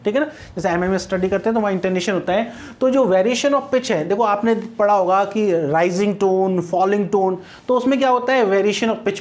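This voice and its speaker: A man's voice: high voice, a little mellow. A male teacher with an Indian English accent, giving an exam-prep phonetics lecture in Hindi mixed with English, explaining patiently and often checking that students follow.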